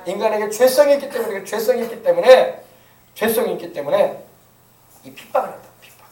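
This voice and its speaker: A brisk, warm-toned sermon comes from a middle-aged pastor whose voice sits high. Folksy and playful, he does impressions of grumbling elders, while the church sanctuary echoes and he stays a little distant from the microphone.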